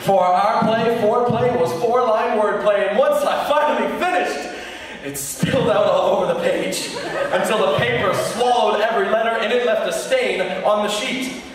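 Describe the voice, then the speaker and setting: A man's voice: high-pitched, moderate pace, crowd noise. A young man performing slam poetry on stage with a theatrical, rhythmic, emphatic delivery. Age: young adult. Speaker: slam poet. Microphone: microphone on a stand. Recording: echoey hall recorded from far off.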